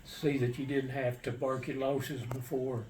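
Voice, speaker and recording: An older man, a war veteran, casually recounting his memories in a halting, matter-of-fact, plain-spoken way. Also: mid-range voice, little pitch movement, darkish tone. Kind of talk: casual personal storytelling. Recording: distant mic with faint background noise.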